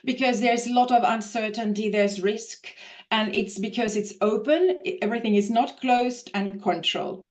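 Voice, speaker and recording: A woman's voice: on the high side, steady tone, normal speed. A woman from Finland, a professor, answering interview questions in a thoughtful way with many fillers and restarts. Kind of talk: video-call interview.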